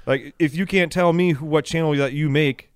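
Smooth-voiced man ranting on a podcast. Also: a little high, normal speed, no room sound. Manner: animated, ranting, laughing, acts out quoted exchanges. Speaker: podcast host. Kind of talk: casual podcast chat.

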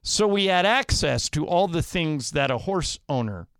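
A man co-hosting a sports talk radio show, telling stories with animated delivery in a studio. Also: on the high side, moderate pace, clear, resonant tone, no room sound. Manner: animated storyteller, acts out quotes. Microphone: studio microphone.

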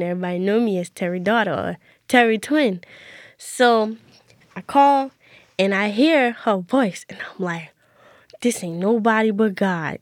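A woman's voice: mid-range voice, no room sound. Young woman telling a story, dry sound. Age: young adult. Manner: casual, quoting herself in a hushed voice. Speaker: interview guest. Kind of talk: storytelling in conversation.

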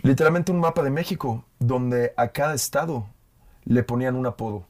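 A young man from Yucatán with a Yucatecan Spanish accent, talking casually as a podcast guest and telling stories with quick restarts. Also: mid-range voice. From Yucatán, Mexico. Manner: relaxed, storytelling with quick restarts. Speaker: guest, video creator. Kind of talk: casual conversation.

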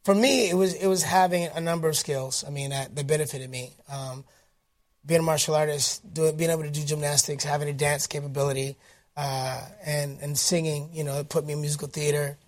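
A man's voice: on the high side, a little fast. Upbeat man from Detroit telling stories. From Detroit, United States. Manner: animated, upbeat, with many fillers and restarts. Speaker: interview guest, actor. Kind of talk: casual interview storytelling.

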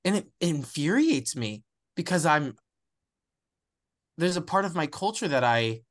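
Pausing and starting over as he hunts for the right words, a young actor from the United States reflects openly in an interview. His voice runs high and he sounds very animated.

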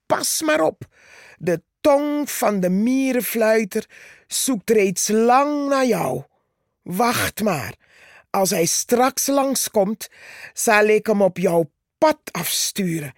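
A woman voicing a haughty, boastful male plant who sneers and taunts, read slowly with a gravelly edge. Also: mid-range voice, expressive, dry recording, clean studio sound, voice pushed up. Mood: threatening. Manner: scornful, shouting taunts.

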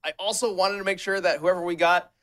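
A man's voice: high-pitched, fairly even intonation, fairly bright tone. A man hosting a casual show, chatting loosely with co-hosts and laughing often between thoughts. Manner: laughs often, quick restarts. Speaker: host. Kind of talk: casual podcast chat.

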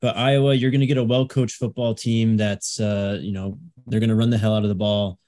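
A man's voice: fairly low pitch, little pitch movement, fairly quick, mellow. A man giving casual sports analysis as a podcast panelist.

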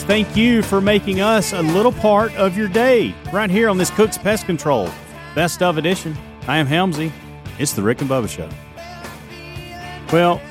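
Male radio announcer, fairly high voice, show intro delivered over a guitar bed. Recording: loud guitar music behind.

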